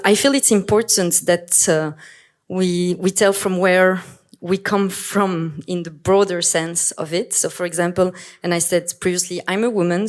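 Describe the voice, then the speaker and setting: In a conference hall, a Moroccan woman whose first language is French moderates a panel in English on a handheld microphone. Her voice is on the low side, and she hesitates, corrects herself, and laughs often.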